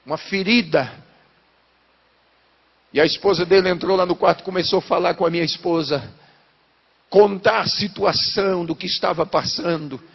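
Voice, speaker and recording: A man preaching a testimony sermon, a pastor telling his story and building to shouted fervor. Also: high-pitched, steady tone, moderate pace, creaky, pauses often, breathy edge, long reverb tail, lo-fi sound.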